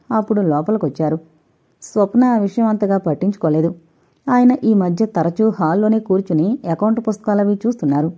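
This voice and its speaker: A woman's voice: medium pitch, dark tone. A woman reading a novel aloud as an audiobook narrator, voicing the characters' dialogue lightly in her own voice. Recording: dull lo-fi recording.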